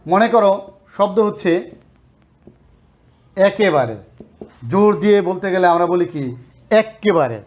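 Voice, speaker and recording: High-voiced man teaching grammar. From Bangladesh. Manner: explanatory, checks in often with rhetorical questions. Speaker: college lecturer. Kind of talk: grammar lesson.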